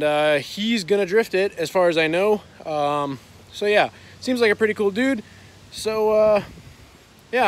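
A young man talking casually like a vlogger, with laid-back skater-bro slang. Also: on the high side. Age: young adult. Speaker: car vlogger. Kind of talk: casual vlog talk. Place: outdoors, driveway and open skatepark. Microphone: phone held at arm's length. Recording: outdoor phone recording with ambient noise.

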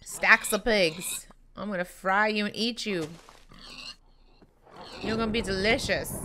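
A young woman commenting on her own video game play in a playful way, talking to the game's animals and making mock threats, with excited yelps. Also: medium pitch, a little hiss or hum. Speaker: gaming channel host. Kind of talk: Minecraft let's-play commentary.

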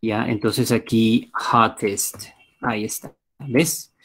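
This English teacher, a man with a Peruvian Spanish accent, takes it slowly as he runs a live lesson online via his computer mic. His lowish voice is fairly bright, slightly rough, and fairly even in intonation. He breaks things down step by step with patience and repeatedly stops to confirm his students understand.

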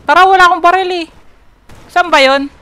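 Woman gamer, very high bright voice, unhurried, loud and giggly in game chat. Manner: loud, laughs often, shouts.

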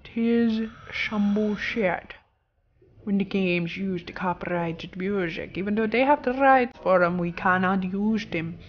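A woman's voice: mid-range voice, moderate pace, few pauses, highs cut off, slight background noise. A woman hosting a casual gameplay video, joking around, swearing freely and breaking into silly fake singing. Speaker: gaming video host.

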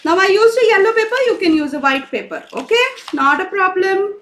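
A woman's voice: very high voice, lively intonation, fairly quick, fairly bright tone. A woman leading a live craft class for children, cheerful and coaxing, often checking in with questions. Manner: cheerful, coaxing, asks kids many questions. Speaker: craft teacher for kids. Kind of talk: live online kids' craft session.

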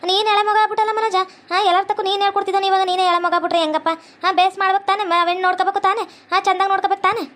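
A bossy cartoon mother-in-law, voiced by a woman, lectures in a North Karnataka accent. Her voice sits very high and stays on a flat, even tune. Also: rapid-fire. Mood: scolding. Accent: North Karnataka Kannada. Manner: lecturing, scolding. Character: bossy middle-aged mother-in-law, scolding. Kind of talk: cartoon comedy voice acting.

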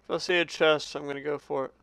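A young man commentating his own game as he plays, joking with the game and yelping when startled, then dropping to a hushed mutter when tense. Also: a little high, level tone, fast talker, creaky, smooth, no room sound. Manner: jokey, talks to the game, yelps when startled. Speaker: gaming channel host. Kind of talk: Minecraft let's play commentary.

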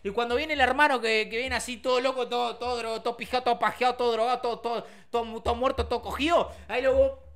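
Argentine dude hosting a stream from his room, goofy storytelling, yells sound effects. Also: very high-pitched, fairly even intonation, racing, hardly any pauses, clear, resonant tone. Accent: Argentine Spanish. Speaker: streamer host. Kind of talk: casual livestream chat. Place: home bedroom.

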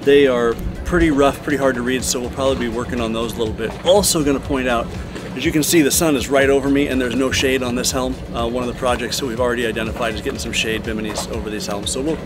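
A man giving a casual walkthrough of his sailing catamaran, talking in a relaxed, rambling way with plenty of ums and uhs. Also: mid-range voice, quick pace. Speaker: boat owner giving a tour. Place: aboard a sailing catamaran, outdoors and in engine room. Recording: music playing underneath.

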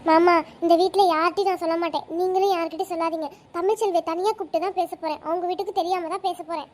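A scheming young wife, voiced by a woman in a cartoon. She sounds sweet and earnest but sly, in a very high, girlish voice. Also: fairly even intonation, very fast, a little mellow. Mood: pleading. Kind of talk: cartoon voice acting.

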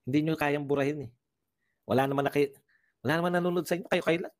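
A man's voice: fairly high pitch, fairly even intonation, quick pace, no room sound, studio quality. A man doing livestream political commentary, talking in an impassioned way and firing off rhetorical questions. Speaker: political vlogger.

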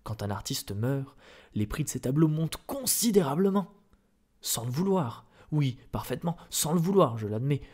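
A man voicing a placid, oily newspaper director who hems and hedges, in a soft-spoken ASMR reading. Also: medium pitch, big pitch swings, moderate pace, slightly rough, voice pushed up. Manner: oily, hesitant with ums. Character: smooth, placid middle-aged male newspaper director, unctuous.

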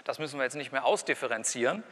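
Bright-voiced male lecturer in a reverberant hall. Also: mid-range voice, fast. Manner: conversational, wry asides, demonstrates pronunciations aloud. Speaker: university lecturer. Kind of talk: university lecture.

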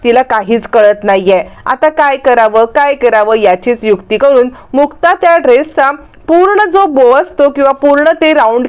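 A woman retells a TV serial episode in a lively, dramatic storytelling voice. Her pitch sits high and her tone is smooth and clear. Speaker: narrator.

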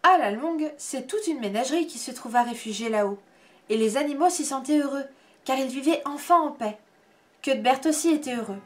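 High-voiced woman reading a storybook. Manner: expressive, measured storytelling. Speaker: reader. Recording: faint background music.

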